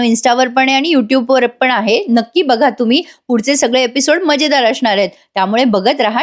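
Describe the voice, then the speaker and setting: A woman narrating a voice-over recap of a TV serial, chatting directly with viewers. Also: fairly high pitch. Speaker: TV serial reviewer.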